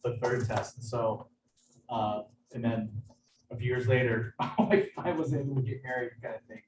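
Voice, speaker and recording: A man, a chef, giving a casual cooking demonstration in a kitchen over a video call. He talks in a hesitant, halting way, with lots of fillers and restarts. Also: medium pitch, steady tone. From United States. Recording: echoey room, far from mic, background noise.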